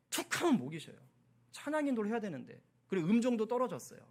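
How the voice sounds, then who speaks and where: A male pastor preaching a sermon, telling a personal story with animated delivery and acted-out dialogue. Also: high-pitched, husky.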